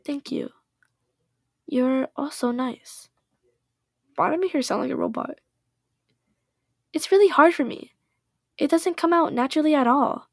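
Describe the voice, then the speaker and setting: A woman's voice: high voice, a little fast, long pauses, no room sound, clean studio sound. A woman streamer narrating a visual novel and talking to herself in a self-conscious, casual way. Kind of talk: livestream narration and commentary.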